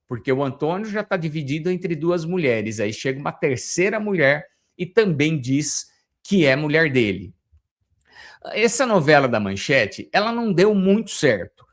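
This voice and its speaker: A Brazilian man hosts a casual commentary. He talks in a chatty, opinionated way, often stops to restart with fillers, and his pitch moves up and down a lot. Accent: Brazilian Portuguese. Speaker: host.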